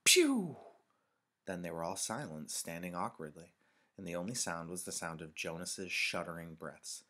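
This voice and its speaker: Man, teacher, read-aloud narration, very deep voice, measured and expressive. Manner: measured, expressive storytelling with dramatic pauses. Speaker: teacher reading a novel aloud.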